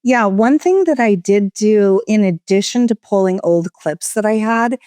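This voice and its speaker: A woman speaking as a guest expert in a conversational interview, shifting her tone, speed and pitch as she talks. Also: unhurried, clear, resonant tone, dry recording. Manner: varied, expressive inflection. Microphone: studio microphone.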